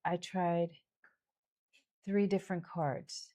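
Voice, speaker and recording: Woman host on a live stream, lowish voice, chatty, giving health tips. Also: level tone, takes it slowly, warm tone. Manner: chatty, gives health advice. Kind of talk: casual live Q&A chat.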